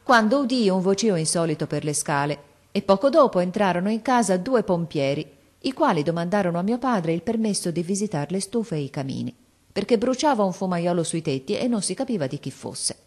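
Audiobook narrator, woman, lower register, measured expressive storytelling. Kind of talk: scripted literary narration.

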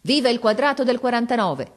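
A woman voicing a hearty, boisterous middle-aged working-class father who talks loudly and jovially, like someone raising a toast. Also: lowish voice, normal speed, natural voice. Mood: exultant.

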